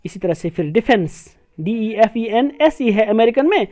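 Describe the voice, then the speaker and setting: A woman's voice: fairly high pitch, animated, unhurried, mellow. A woman teaching an English lesson, patiently spelling out words letter by letter. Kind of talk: classroom lesson explaining spellings.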